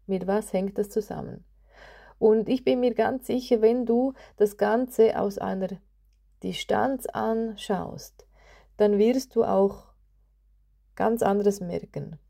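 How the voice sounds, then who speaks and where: A woman, a coach hosting her own podcast, talking the listener through self-criticism in a calm, reflective monologue. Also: mid-range voice, gravelly. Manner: slow, reflective, addresses the listener directly.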